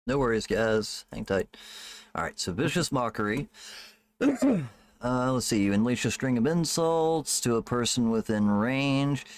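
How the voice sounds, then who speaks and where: A man's voice: mid-range voice, sing-song, a little slow, no echo. A man running a tabletop game as game master, casual and loose, with swearing and laughing asides.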